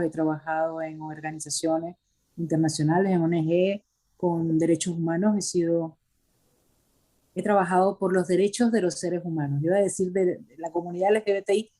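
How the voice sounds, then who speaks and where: A woman from Venezuela giving personal testimony in an interview, hesitant and pausing often to search for words. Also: on the low side, mellow.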